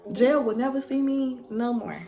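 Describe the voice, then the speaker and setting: A young woman vlogger telling a personal story in a casual, animated way, often calling out to her viewers. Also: on the high side, moderate pace, over music. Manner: animated, addresses viewers as y'all.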